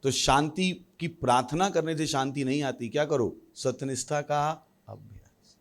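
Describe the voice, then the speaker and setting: A male pastor preaching a sermon, lively with humorous asides and questions thrown to the congregation. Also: on the high side, unhurried. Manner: animated preaching with humorous asides and acted voices.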